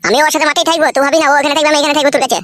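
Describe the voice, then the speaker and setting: A woman's voice: high-pitched, steady tone, very fast, fairly bright tone, a little hiss or hum. A woman voicing a brash young village husband in a comedy cartoon, who boasts and bickers rudely. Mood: bickering.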